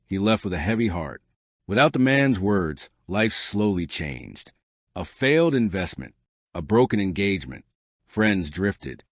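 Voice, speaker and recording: A man with a lowish, lively voice narrates a bedtime tale in a close, dry recording. He sounds like a wise storyteller, measured and given to dramatic pauses. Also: dry recording.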